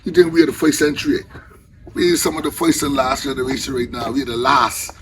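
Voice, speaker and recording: An older Rastafarian man with a Caribbean accent speaks in an impassioned, informal Rasta manner, full of patois phrasing. His pitch sits in a middle range for a man. There is light ambient noise around him. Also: flat delivery, fast talker. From the Bahamas. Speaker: Rastafarian elder.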